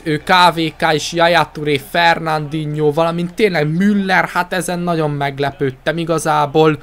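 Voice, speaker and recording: A man's voice: a little high, fairly bright tone. A man with a Hungarian accent hosting a gaming video with casual, chatty commentary.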